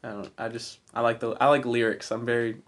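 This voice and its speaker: A man's voice: medium pitch, level tone, fast talker, fairly bright tone. A man who is a guest youth minister on a church podcast, speaking earnestly and a little hesitantly, often repeating words. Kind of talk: casual interview conversation.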